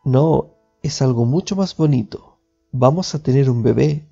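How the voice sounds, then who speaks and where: A man voicing a gentle, smiling mother in a storybook reading. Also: mid-range voice, a little slow, gravelly, muffled recording, faint music behind. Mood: tender.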